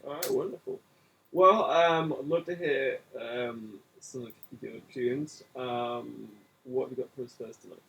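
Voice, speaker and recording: A man's voice: medium pitch, unhurried, vocal fry, slight background noise, low-quality recording. A man hosting a local radio music show, chatting casually with many hesitations. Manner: relaxed, hesitant with many fillers. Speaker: radio host.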